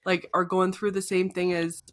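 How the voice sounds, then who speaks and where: A woman's voice: on the low side, level tone, normal speed. A woman co-hosting a podcast, chatting in a cheerful, enthusiastic way. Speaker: podcast co-host. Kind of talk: casual chat.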